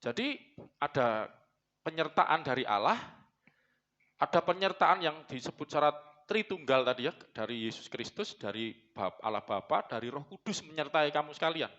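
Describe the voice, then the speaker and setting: A man preaches a sermon in church, blunt and full of jokes. His voice is bright and forceful and sits a little high for a man. The recording is dull and lo-fi. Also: expressive, moderate pace. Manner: joking, blunt, mixes in Javanese phrases. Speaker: pastor.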